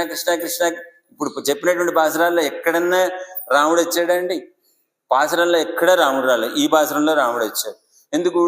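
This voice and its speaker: Male preacher, devotional sermon, asks listeners questions, slightly high voice, recorded in a reverberant temple hall. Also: fairly bright tone. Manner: storytelling, asks the audience questions. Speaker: religious discourse speaker.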